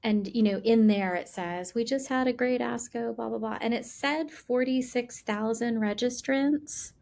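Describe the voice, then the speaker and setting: A middle-aged woman from the United States, co-hosting a medical podcast in a chatty, quick way with joking asides. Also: on the high side, creaky, a little mellow, rough recording. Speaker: podcast co-host, melanoma doctor. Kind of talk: casual podcast discussion.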